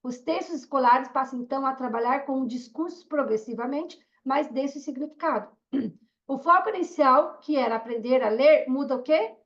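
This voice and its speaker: High-pitched woman teacher, chatty and explanatory, muffled lo-fi audio. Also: moderate pace. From Brazil. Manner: chatty, explains with asides and rhetorical questions. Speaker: teacher and reading therapist. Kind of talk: online course lecture.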